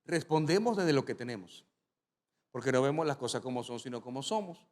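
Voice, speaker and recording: A male pastor preaching a sermon, telling stories with animation and rising to sudden loud climaxes. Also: mid-range voice, expressive, a little fast.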